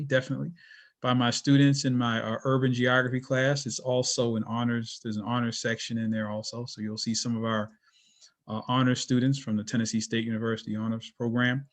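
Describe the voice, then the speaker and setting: A middle-aged man opens a class presentation as the professor in charge. He talks haltingly, stopping and restarting often and filling gaps with plenty of "uh"s. His voice comes through a video call. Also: mid-range voice. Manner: halting, filler-heavy, many restarts. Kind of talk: online presentation introduction.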